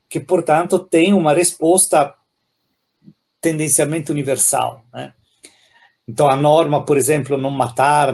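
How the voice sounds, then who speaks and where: A man from Italy with an Italian accent, a philosophy professor explaining ideas thoughtfully in an interview, often pausing and adding "né?". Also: on the high side, a little mellow. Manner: thoughtful, many pauses and "né?" tags.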